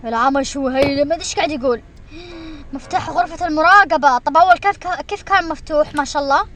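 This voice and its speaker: A woman streamer giving excited commentary while she plays a game, shrieking when she is chased. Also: sits high, racing. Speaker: gaming streamer.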